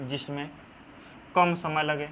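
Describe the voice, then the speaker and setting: A male teacher with a Banarasi accent giving a classroom grammar lesson. He repeats key terms, checks in often and pauses with many fillers. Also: fairly high pitch, flat delivery, fairly bright tone, a little hiss or hum. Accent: Banarasi Hindi. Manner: halting, many fillers and restarts.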